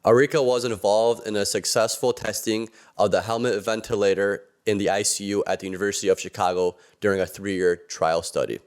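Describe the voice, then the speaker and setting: A man co-hosting a podcast introduces the guest and asks questions, murmuring attentive acknowledgements as she talks. His voice sits on the lower side. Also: flat delivery, brisk, few pauses, smooth. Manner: attentive, short backchannel murmurs. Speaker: podcast co-host. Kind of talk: podcast interview.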